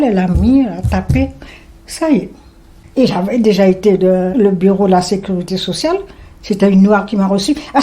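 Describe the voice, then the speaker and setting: A woman, telling her life story in a lively way and acting out what people said. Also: mid-range voice. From French Guiana. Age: 70s. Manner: lively storyteller who acts out remembered dialogue. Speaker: interviewee.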